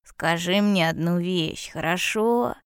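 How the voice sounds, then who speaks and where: A woman voicing a gentle, dreamy young bear cub, speaking low, soft and drawn-out in a storybook reading. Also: smooth, no room sound, clean studio sound.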